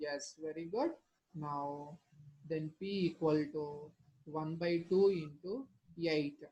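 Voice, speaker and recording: A man's voice: on the high side, a little slow, dark tone, highs cut off. A man with a Telugu Indian accent, a native Telugu speaker, teaching an interactive lesson by repeating points and prompting with questions. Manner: repetitive, question-led explaining with frequent tag questions. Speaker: chemistry teacher.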